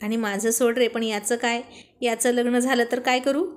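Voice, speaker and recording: A woman's voice: a little high, fairly even intonation, normal speed, slight background noise, natural voice. A woman voicing a playful young man who teases his friends in a spoken story. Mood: teasing. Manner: playful, teasing.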